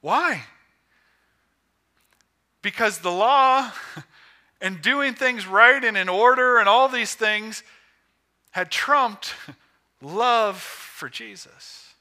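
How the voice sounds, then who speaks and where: Bright-voiced male preacher, slow and emphatic. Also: high-pitched. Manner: emphatic, measured phrasing with pauses. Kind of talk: sermon.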